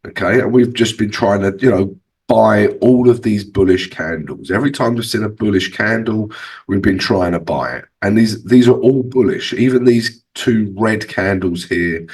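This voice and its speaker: A man's voice: on the low side, recorded from a distance, poor audio. A man with a sore, swollen-sounding throat hosting a casual trading tutorial, talking viewers through charts in a conversational way with frequent checking tags. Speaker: trading channel host and analyst.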